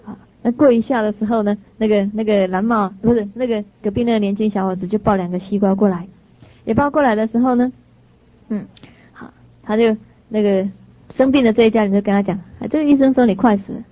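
Woman preaching with stories, animated, trips over words n fixes them, dry dull sound. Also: mid-range voice, a little fast, dry recording. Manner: lively storyteller, laughs, corrects herself. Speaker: dharma teacher. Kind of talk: storytelling sermon to an audience.

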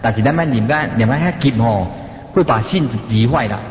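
A man speaking with a Taiwanese Hokkien accent, giving a Buddhist sermon with slow, rhythmic chanting. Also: medium pitch, darkish tone. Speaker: Buddhist teacher. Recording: dull, echoey hall.

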